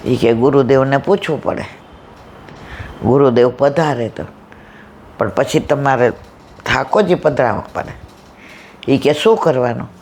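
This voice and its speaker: A woman's voice: rumbling low, animated, a little slow, long pauses, darkish tone, slight background noise. A woman giving a devotional talk to a satsang, telling stories and acting out the dialogue. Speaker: satsang speaker.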